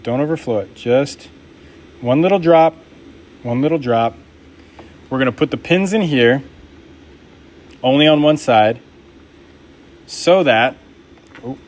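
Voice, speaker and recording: A young man chats with his live-stream viewers in an easygoing, upbeat way as he works at his knife bench. His voice sits in a middle pitch, relaxed and friendly, with plenty of offhand slang. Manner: upbeat, laid-back, talks to chat while crafting. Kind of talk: casual live-stream chat while working.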